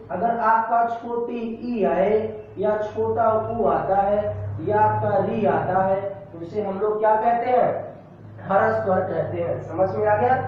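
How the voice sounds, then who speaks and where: Male teacher, high voice, drilling questions, echoey room, dull far-off mic. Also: a little hiss or hum. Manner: repetitive question-and-answer drilling. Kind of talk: classroom lecture.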